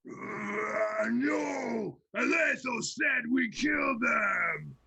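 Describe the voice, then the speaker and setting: A man voicing a bossy, dim-witted giant head who thinks he is the chef in a tabletop game, halting and blustering. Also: high voice, sing-song, creaky, crowd noise, pitched above the performer's own voice, heavily acted. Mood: threatening. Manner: halting, blustering, repeats himself.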